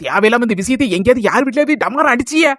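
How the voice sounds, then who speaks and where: A woman performing in a comedy sketch, speaking with a Kanyakumari Tamil accent, brisk and persuasive. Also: a little high, lively intonation, a bit bright, a little hiss or hum.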